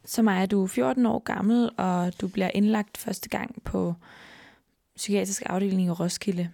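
Interviewer: woman, mellow voice, dry close mic, asks gentle probing questions. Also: medium pitch, steady tone, gravelly, no echo.

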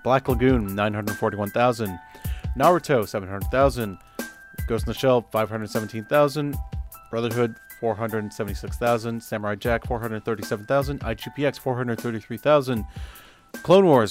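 A man hosting a casual podcast, reading out a list of figures in a steady way and laughing easily. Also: mid-range voice. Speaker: podcast host reading ratings.

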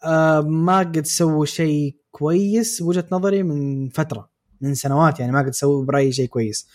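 Fast-talking man. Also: on the high side, fairly even intonation. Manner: frank, opinionated, teasing. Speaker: podcast co-host. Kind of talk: casual chat about anime.

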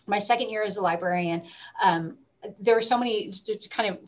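Animated middle-aged woman storyteller. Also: mid-range voice. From Texas. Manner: animated storyteller, quick asides, frequent laughs. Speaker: guest, school librarian. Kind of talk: casual interview talk.

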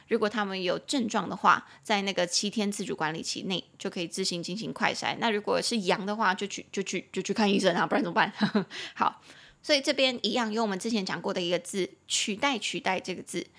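A woman's voice: mid-range voice, creaky, a bit bright. A young woman with a Taiwanese Mandarin accent hosting a bilingual English lesson podcast, chatty and spelling words out letter by letter.

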